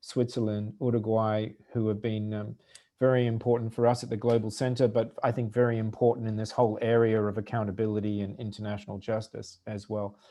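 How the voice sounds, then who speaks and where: A man with a mixed Australian and South African accent, moderating a webinar panel in an informal, halting way with many fillers. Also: lowish voice, level tone, dark tone.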